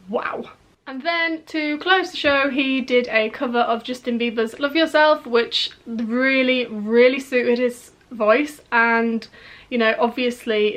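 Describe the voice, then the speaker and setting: A woman's voice: a little high, a bit bright. Chatty young woman gushing as a fan. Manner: gushing, chatty, many likes and restarts. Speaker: vlogger. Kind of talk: casual fan chat to camera.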